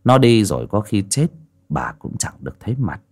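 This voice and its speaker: A man narrating an audiobook story in an expressive storytelling manner. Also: on the low side, moderate pace, breathy edge.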